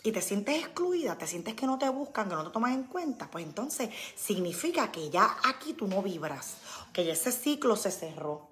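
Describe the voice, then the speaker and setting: A woman's voice: medium pitch, moderate pace, few pauses. A woman, hosting a casual live talk and acting out what friends say to her. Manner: animated, acts out quoted friends. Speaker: podcast host.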